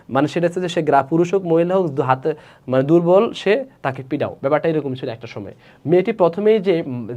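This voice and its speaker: A man's voice: fairly high pitch, a little mellow. Bangladeshi man teaching a literature lesson. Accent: Bangladeshi Bengali. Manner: reads story lines aloud then explains them in colloquial speech, asks students questions. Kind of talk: Bengali literature class lecture.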